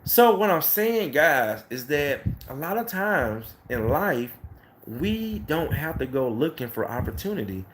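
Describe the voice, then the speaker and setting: A man's voice: on the high side, big pitch swings, measured pace, a bit bright, a little hiss or hum. A man in his late thirties who owns a carpet cleaning business tells a casual, rambling story to camera, often repeating "next thing you know". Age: 30s.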